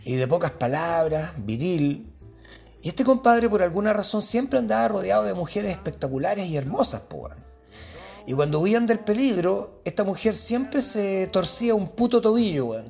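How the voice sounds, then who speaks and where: A man's voice: on the high side, creaky, a little mellow. A man with a Chilean accent delivering a profane, slangy and sarcastic comic rant. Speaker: comedian.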